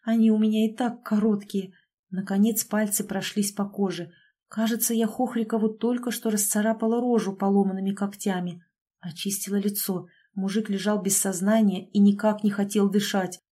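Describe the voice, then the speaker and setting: A woman narrating a first-person audiobook story in a brisk, wry manner, voicing the dialogue herself. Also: medium pitch, fairly even intonation, dark tone.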